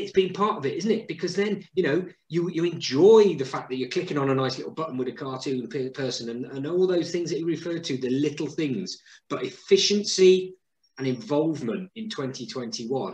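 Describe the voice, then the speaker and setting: A man's voice: on the high side, lively intonation, a little fast. A man co-hosting a business podcast, chatting casually and upbeat with lots of tag questions. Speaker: podcast co-host. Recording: roomy echo.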